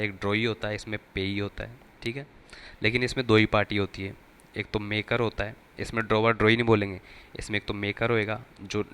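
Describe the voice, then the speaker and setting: A man's voice: fairly low pitch, sharp tone, slight background noise. A man teaching an accounting lesson for exam preparation, explaining step by step and repeating key terms. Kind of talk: exam-prep lecture.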